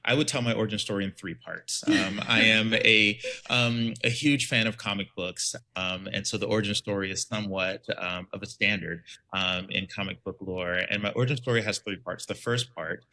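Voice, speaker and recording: A man in his forties from Liberia, an educator telling his story in an earnest, reflective way, pausing with frequent ums. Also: lowish voice, steady tone, sharp tone. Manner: thoughtful, many ums, earnest. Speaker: educator and author, podcast guest.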